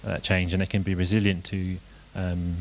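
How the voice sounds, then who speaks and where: A man presenting his group's reasons at a conference, measured and with frequent ums. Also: sits low, flat delivery.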